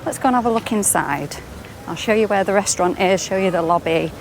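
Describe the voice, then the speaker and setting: A middle-aged woman gives a chatty, lively walking tour of a hotel lobby and garden, talking into a handheld phone. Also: medium pitch, a little fast, poor audio. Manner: chatty, lively, pointing things out as she walks. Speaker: travel vlogger. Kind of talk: casual walking tour commentary. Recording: loud outdoor background noise.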